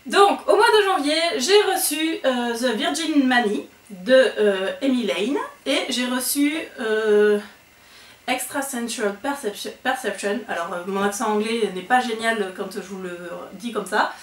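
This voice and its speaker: A woman's voice: on the high side, unhurried. Chatty woman in an echoey room. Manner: chatty, many fillers and restarts. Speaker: book vlogger. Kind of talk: casual monthly reading wrap-up. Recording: echoey room, voice a bit far from the mic.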